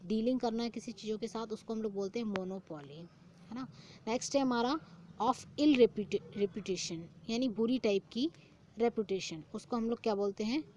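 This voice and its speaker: Mellow-voiced woman teaching vocabulary. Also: on the high side. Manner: reads English phrases slowly, explains in Hindi, repeats answers as questions. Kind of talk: exam-prep lesson.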